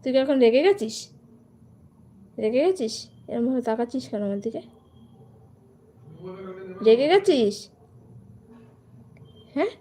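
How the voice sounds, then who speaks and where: High-voiced woman teasing a toddler. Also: lively intonation, unhurried, long pauses, dark tone. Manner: teasing, coaxing, mock-whiny. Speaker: live streamer playing with a small child. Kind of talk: playful teasing chat with a toddler.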